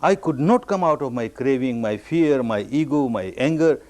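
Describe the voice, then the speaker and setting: A man from Burma gives a meditation discourse in a mid-pitched voice. He repeats phrases for emphasis and pushes his pitch sharply upward on important words, then settles back down. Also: animated, moderate pace, darkish tone. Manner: repetitive, emphatic phrasing with sudden high rises on key words. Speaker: meditation teacher. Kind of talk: dharma discourse recounting his own story.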